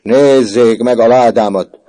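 A man voicing an indignant teenage schoolboy who shrieks and shouts in fury. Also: no echo, natural voice. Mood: outraged. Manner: shrill, furious shouting.

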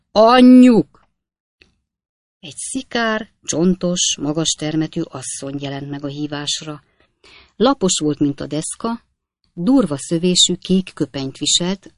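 A woman narrating a classic novel as an audiobook reader, in a calm, even storytelling manner. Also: deep voice, no echo, clean studio sound. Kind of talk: scripted narration.

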